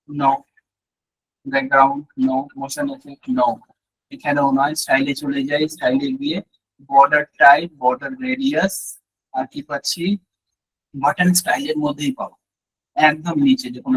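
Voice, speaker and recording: A man leads a live web design class in a fairly high, husky voice that has gone a little hoarse from long talking. He walks through each step patiently and keeps checking that his listeners are with him. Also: a bit bright, poor audio. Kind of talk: live screen-share tutorial.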